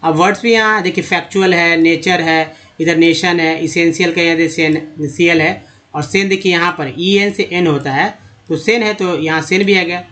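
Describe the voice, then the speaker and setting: A man teaching English pronunciation over a screen lesson. He talks slowly, spelling out letters and repeating words. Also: fairly high pitch, a bit bright. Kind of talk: screen-based spoken lesson.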